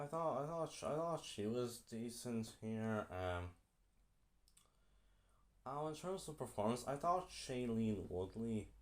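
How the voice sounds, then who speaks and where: A young man giving a casual film review, halting and often repeating himself. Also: on the low side.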